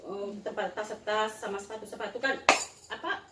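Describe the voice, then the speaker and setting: A woman from Madura, telling stories in a lively way, laughing often and repeating herself. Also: mid-range voice, moderate pace. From Madura, Indonesia. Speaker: interviewee. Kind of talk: casual storytelling. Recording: echoey room from far off, faint noise.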